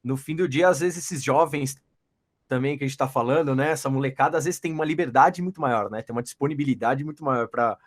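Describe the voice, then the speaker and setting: A Brazilian professional voice-over artist chats casually about his own experience, repeating words as he goes. His voice is mid-range and he talks fast.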